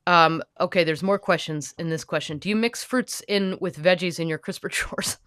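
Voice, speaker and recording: A woman's voice: lowish voice, fairly bright tone, clean tone, dry recording, clean studio sound, close to an everyday voice. A woman hosting a comedy podcast as a fussy, intense perfectionist who lectures emphatically into a podcast microphone. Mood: fussy, amused. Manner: fussy, emphatic, lecturing, quick to get heated. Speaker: podcast host in character.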